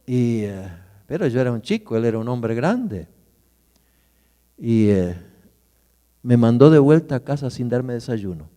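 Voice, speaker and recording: A middle-aged man preaches in a warm, mellow voice. He tells his story vividly, rising loud and dropping to a hush. The recording carries the long reverb of a church hall. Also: medium pitch, sing-song, unhurried, pauses often. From Argentina. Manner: vivid personal storytelling, swings from loud to hushed. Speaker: pastor. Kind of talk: sermon storytelling.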